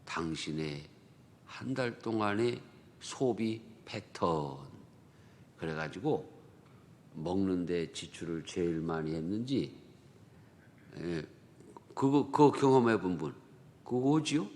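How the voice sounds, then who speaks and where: A male pastor preaches a conversational dawn prayer sermon in a Chungcheong Korean accent, using rhetorical questions and dialect jokes. His low, darkish voice has lively intonation and moves slowly with frequent pauses. Slight background noise and long church-hall reverb come from the sanctuary.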